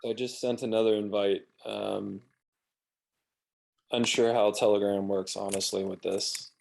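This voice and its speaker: A fairly low-voiced man from the American East Coast runs a video-call meeting. His voice has a gravelly edge, and he keeps the group organized in an easygoing, relaxed way. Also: unhurried. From United States, East Coast.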